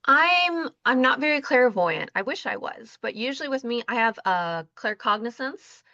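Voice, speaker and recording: A woman with a bright, forward voice tells stories animatedly in a casual interview and acts out the dialogue. The sound is dry and a little dull, like a lo-fi recording. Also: a little high, lively intonation, normal speed, vocal fry, no room sound. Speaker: guest, intuitive energy healer.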